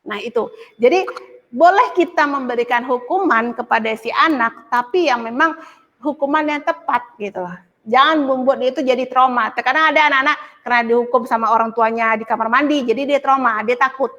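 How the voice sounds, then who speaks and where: A woman's voice: sits high, a little fast, a bit bright, muffled recording. A woman giving a live online psychology lecture in a conversational way, often adding a tag for emphasis and acting out what parents and children say. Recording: long reverberant echo.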